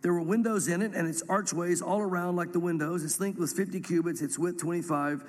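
A pastor leads a Bible study, reading scripture aloud and teaching verse by verse in a fairly high, steady voice at a fairly quick pace, sounding congested from a cold. Between passages he drifts into rambling, self-deprecating asides. A long reverb fills the sound, like a large church hall.

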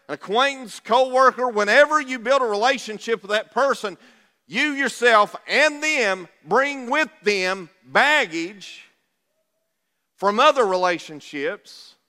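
High-pitched Appalachian preacher man in a hall. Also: bright, forceful tone. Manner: folksy, conversational, asks the congregation rhetorical questions. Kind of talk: sermon. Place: large reverberant room, preaching to a congregation. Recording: reverberant hall sound.

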